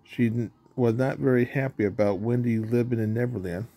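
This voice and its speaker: A man's voice: mid-range voice, fairly quick, gravelly, warm tone. A man reading a children's storybook aloud in a plain manner, stumbling now and then and correcting himself. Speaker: storybook reader.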